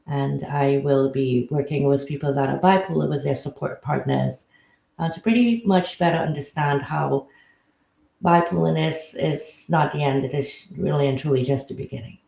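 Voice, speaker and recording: Earnest woman with a gravelly voice. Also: sits low, moderate pace, dark tone, echoey room, rough recording. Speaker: guest speaker. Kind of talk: casual self-introduction. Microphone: video call.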